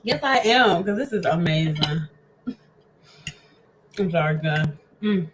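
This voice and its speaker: A woman's voice: on the low side, animated, slow pace, background noise. A woman hosting a casual home cooking show, chatting eagerly with her viewers as friends while she eats with her mouth full. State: eating, talking with mouth full.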